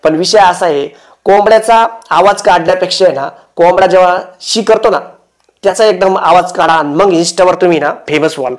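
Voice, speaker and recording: A man's voice: sits high, normal speed. A man hosting a comic roast, teasing and mocking the people in the clips he reacts to. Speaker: roast host.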